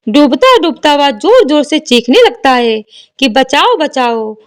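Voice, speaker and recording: A woman narrating a devotional folk tale in a steady, measured storytelling manner. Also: high-pitched.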